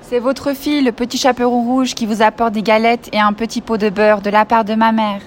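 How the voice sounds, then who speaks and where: A woman's voice: on the high side, little pitch movement, fairly quick, a little hiss or hum, lightly acted. A woman doing a naive little girl. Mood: polite.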